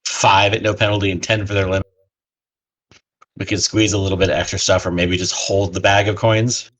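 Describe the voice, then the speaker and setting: A man's voice: low voice, level tone, fairly quick, fairly bright tone. A man chatting casually as a player in a tabletop game, with a playful, joking manner. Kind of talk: casual chat.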